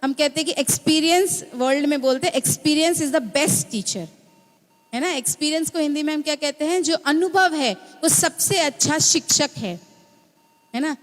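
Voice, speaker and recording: High-voiced woman preaching in a church hall. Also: moderate pace. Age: young adult to middle-aged, mother of a small child. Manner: teaching, asks the congregation "है ना?" often. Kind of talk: sermon. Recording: long reverb of a church hall.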